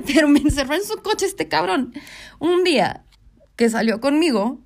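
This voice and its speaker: This young Mexican woman talks in a slightly high voice, swears freely and speaks with candor, and she acts out quoted lines as she tells the story. She has a casual podcast host's delivery, recorded close to the mic. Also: measured pace, vocal fry. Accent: Mexican Spanish. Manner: candid, profane, animated, quotes people in acted voices. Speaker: podcast host.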